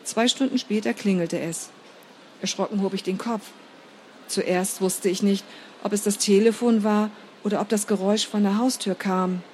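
A woman narrating a first-person story in a measured, steady reading voice. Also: mid-range voice, a little hiss or hum.

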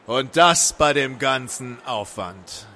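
Man doing a slow, sneering demon. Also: medium pitch, animated, pushed and bright, a little hiss or hum. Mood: mocking. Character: giant demonic male being, mocking and calm.

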